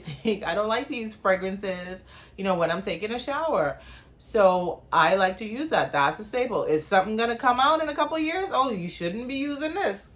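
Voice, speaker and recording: A chatty woman with a lilt hosts her own show. She talks loosely and often laughs, dropping quick asides as she goes. Her pitch sits right in the middle. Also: a bit bright. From Bahamas. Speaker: host. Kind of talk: casual talk-show monologue.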